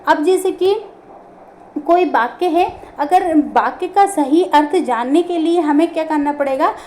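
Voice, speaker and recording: A woman's voice: sits high, unhurried, darkish tone, a little hiss or hum. A woman teaching an online grammar class, explaining step by step and answering her own questions.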